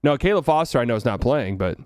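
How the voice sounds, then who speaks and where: A man from Texas with a light Texan accent hosts a casual solo sports talk podcast, rambling, joking and thinking out loud. He talks fast and expressively in a smooth, medium-pitched voice. The sound is clean studio quality with no room sound.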